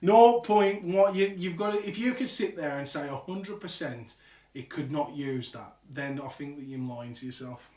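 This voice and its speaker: A man hosting a live ghost hunt at night, telling an animated, sweary story in casual talk. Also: fairly high pitch, moderate pace, distant mic. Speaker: paranormal show host. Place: old house at night. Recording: echoey room, off-mic.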